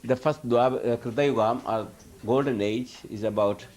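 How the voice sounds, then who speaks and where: A man with a medium-pitched, darkish voice speaks at a normal speed. He's a spiritual teacher fielding audience questions at an informal live lecture, rambling, often restarting sentences, and chuckling as he goes.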